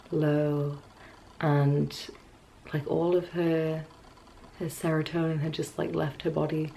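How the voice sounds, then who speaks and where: Indoors in a small furnished bedroom at home, a Newcastle-area vlogger in her 20s chats to camera with casual, hesitant rambling and a wry, musing air. Her low, gravelly voice has a dark tone, with a little hiss or hum on the audio.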